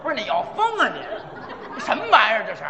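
A young man leading a Chinese crosstalk routine on a theater stage, animated, breaking into sung vendor calls. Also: high-pitched, brisk, creaky, over a noisy crowd, very noisy. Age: young adult. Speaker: lead crosstalk comedian. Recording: hall echo, dull lo-fi sound.

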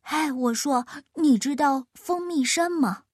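A woman's voice: high-pitched, no echo, studio quality. A woman playing a starving storybook bear. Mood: hungry. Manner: drawn-out, moaning delivery. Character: big hungry bear, slow and plaintive. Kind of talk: storybook read-aloud.

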